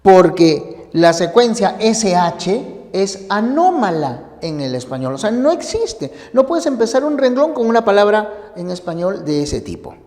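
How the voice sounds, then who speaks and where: A male language teacher with a high voice who explains each point step by step. He asks the viewer questions as he goes. The recording carries a long hall reverb. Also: big pitch swings, a little slow, hardly any pauses, a little mellow. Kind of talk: recorded spelling lesson.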